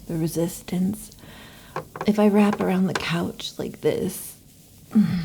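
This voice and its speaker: Playing a snake-tailed female lamia in ASMR roleplay, a woman sounds restless, irritable and sulky, huffing dramatically and frequently dropping to soft whispers. Her fairly low voice carries a slight hiss or hum.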